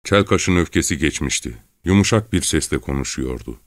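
A man narrating an audiobook story in a measured, dramatic way. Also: rumbling low, animated, no echo, studio quality.

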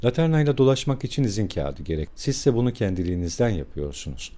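A man's voice: lowish voice, very animated, fast, warm tone. A man voicing a stern street policeman who speaks in a formal, officious way.

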